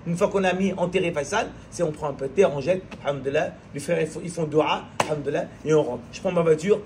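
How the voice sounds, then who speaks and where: A man delivers an impassioned sermon in a high voice. He hammers his points home through repetition and rhetorical questions, acting out short scenes along the way. A faint noise sits behind the recording. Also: fast talker, a little mellow. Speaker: preacher.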